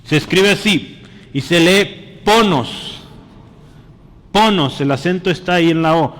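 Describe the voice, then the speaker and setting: A man delivers an interactive sermon, often pausing to ask his listeners whether they follow and calling them brother. His voice sits a little high for a man. It rings with the long reverb of a church hall. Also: a bit bright. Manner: keeps checking in with the congregation, calling them brother. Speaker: preacher.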